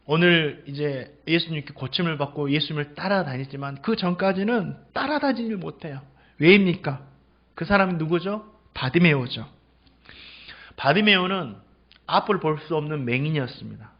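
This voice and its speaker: A male pastor giving a Sunday sermon as a story, swinging from hushed lines to loud exclamations and stretching words slowly for emphasis. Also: fairly high pitch, lively intonation. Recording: dull lo-fi recording.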